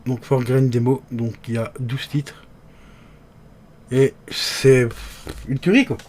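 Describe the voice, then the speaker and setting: A man of ordinary pitch talks through an unboxing in a relaxed, chatty way. He hesitates often, filling gaps and restarting words as he goes. His voice drifts nearer and farther from the mic as he handles things. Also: takes it slowly. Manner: chatty, hesitant with many fillers; talks to viewers as friends. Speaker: unboxing youtuber. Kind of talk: casual unboxing commentary.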